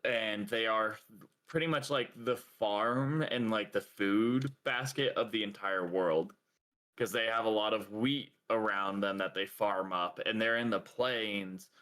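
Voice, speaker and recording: Young podcast guy, bright voice, rambly with lots of "like"s and laughs. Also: fairly low pitch, measured pace. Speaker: podcast co-host. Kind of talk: casual chat.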